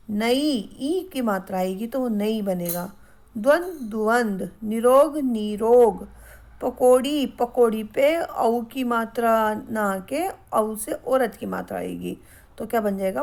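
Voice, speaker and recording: A woman teaching a grammar lesson, reading words out slowly and saying each one twice. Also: on the high side, a little mellow. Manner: slow, careful, repeats each word twice.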